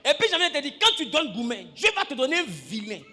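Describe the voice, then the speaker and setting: Pastor, man, very high lively voice, long church hall echo. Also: fast talker. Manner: animated, acts out scenes, shouts and laughs with the congregation. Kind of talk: lively sermon.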